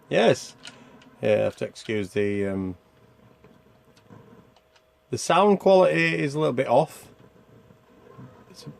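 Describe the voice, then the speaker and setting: A video game reviewer gives casual, chatty commentary over gameplay, thinking aloud and posing questions to himself. His voice is mid-range and gravelly.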